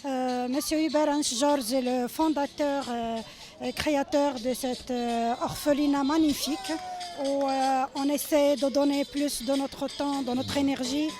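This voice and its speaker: Woman director being interviewed, high voice, hesitant, really loud music under her. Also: fairly even intonation, a little slow. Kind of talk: explanatory interview.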